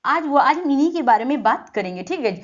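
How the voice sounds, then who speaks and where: A woman's voice: high voice, animated, brisk, highs cut off. A woman teaching an exam-prep grammar lesson, asking questions and answering them herself, repeating key terms. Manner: repetitive, quizzing students and answering herself.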